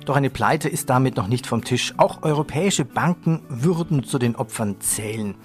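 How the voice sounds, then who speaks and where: A man moderating a finance podcast interview, brisk and lightly joking. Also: mid-range voice.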